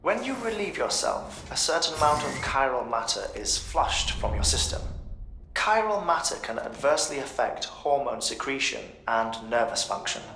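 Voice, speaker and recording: A man's voice: medium pitch, big pitch swings, moderate pace, pushed and bright. An actor playing an earnest, clinical male researcher, speaking formally and precisely in a video game briefing. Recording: roomy echo, faint noise.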